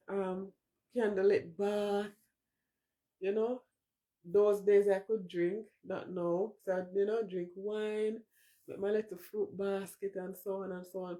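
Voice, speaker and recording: A woman's voice: mid-range voice, darkish tone. A woman in her forties with a Jamaican accent, hosting a casual livestream, talking openly and emotionally and slipping into patois as she answers viewers. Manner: emotional, switches into patois, talks to viewers in chat. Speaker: livestream host.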